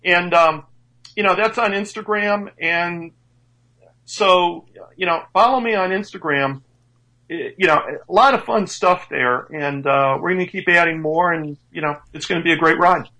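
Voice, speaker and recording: Speaking at a normal speed, this fifty-something strength coach is an enthusiastic guest in casual radio chat, now and then stumbling and starting over. His high voice comes across as pushed and bright on a low-quality recording.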